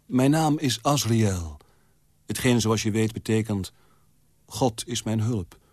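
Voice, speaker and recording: A weary ageless angel, calm and faintly disappointed, speaking in a low, husky voice, as a man reads him in a literary reading. The sound is close and dry. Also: takes it slowly, dry recording.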